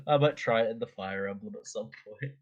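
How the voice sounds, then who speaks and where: A streamer hosting a game, chatting excitably and laughing often. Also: mid-range voice, normal speed, lo-fi sound. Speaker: streamer host. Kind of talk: casual chat.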